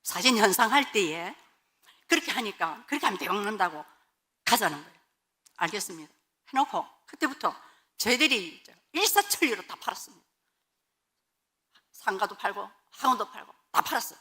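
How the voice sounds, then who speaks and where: A woman, a pastor's wife, tells her church testimony as animated storytelling and acts out the dialogue. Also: mid-range voice, a little fast, long pauses.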